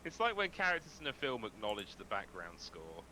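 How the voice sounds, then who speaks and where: A man's voice: on the low side, big pitch swings, fairly quick, sharp tone, a little hiss or hum. A man playing a tabletop game, making dry, wry remarks in casual chat. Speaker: player.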